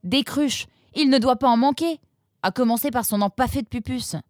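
Woman putting on a high, loud, ranting young fox girl, sharp-tongued, dry close sound. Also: big pitch swings, very slow, no room sound, heavily acted. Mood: lecturing. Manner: scolding, exasperated rants. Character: indignant young vixen sister, sharp-tongued. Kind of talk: storybook narration.

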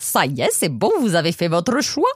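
A woman voicing a smooth-talking male shopkeeper in a storybook, salesy and playful, sprinkling in foreign words. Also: lowish voice, huge pitch swings, normal speed, no room sound, clean studio sound, heavily acted. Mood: cheery salesman. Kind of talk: audiobook character voice.

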